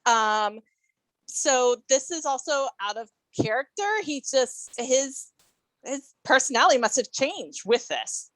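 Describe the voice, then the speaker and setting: A woman co-hosting a podcast, reviewing an episode in casual chat, thoughtful and halting with many ums and restarts. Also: high voice, expressive, no echo. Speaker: podcast co-host.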